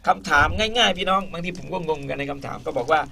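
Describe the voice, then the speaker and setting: A man's voice: a little high, quick pace, creaky, sharp tone, a little hiss or hum. A man hosting a bilingual radio talk show from a small studio, chatty and full of "you know" and "right?" tags. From Thailand.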